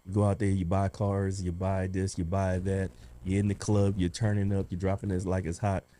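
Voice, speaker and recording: A man co-hosting a casual talk show. His voice is low and very dark. He jokes with his co-hosts, then lays out his points in earnest. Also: level tone, normal speed. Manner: teasing, then earnest when explaining. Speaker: podcast host, real estate agent. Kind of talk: casual group chat.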